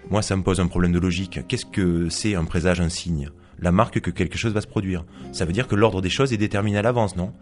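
A man's voice: sits low, steady tone, quick pace, hardly any pauses, soft background music, natural voice. A man reading aloud as a first-person narrator, a sardonic psychologist who scorns belief, in a dry, mocking monologue. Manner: dry, mocking monologue with asides to an unseen listener. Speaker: author reading his novel aloud.

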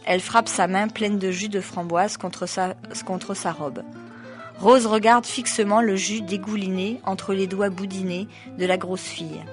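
A woman's voice: medium pitch, steady tone, unhurried, soft background music. A woman reading a novel aloud, breaking off for hesitant spoken asides full of fillers. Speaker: reader.

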